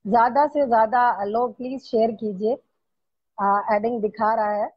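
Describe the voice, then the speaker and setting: A woman's voice: a little high, steady tone, moderate pace, highs cut off. A woman hosting a live stream, opening with formal greetings and often hesitating between phrases. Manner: formal Urdu-inflected greetings, many hesitations.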